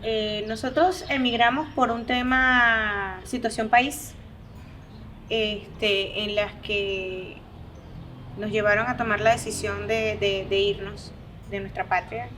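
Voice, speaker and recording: A woman's voice: medium pitch, steady tone, a little slow, fairly bright tone, a little hiss or hum. Hesitant Venezuelan woman, distant mic. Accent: Venezuelan Spanish. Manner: hesitant, many fillers. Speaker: migrant interviewee. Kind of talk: personal testimony. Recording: distant mic with background ambience.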